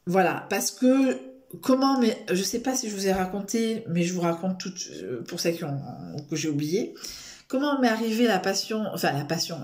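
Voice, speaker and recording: A woman's voice: on the low side, a little mellow, reverberant. A woman chatting casually to camera in a rambling, self-mocking way, full of fillers and restarts. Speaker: vlogger.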